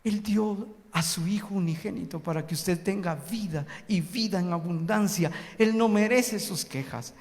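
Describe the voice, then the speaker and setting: Brief: male missionary preacher, fairly high voice, fervent, throws rhetorical questions at the congregation, church hall with a long echo. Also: normal speed, few pauses, darkish tone. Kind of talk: sermon.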